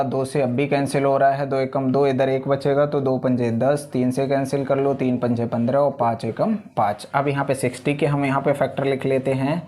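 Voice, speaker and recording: A man's voice: mid-range voice, darkish tone. A man teaching an exam-prep math lesson, talking through each step patiently and often checking in with the class.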